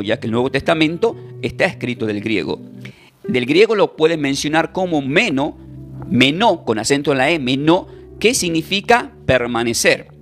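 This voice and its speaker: A man's voice: on the high side, a bit bright. A man preaching a sermon as pastor, explaining scripture and asking rhetorical questions of the congregation.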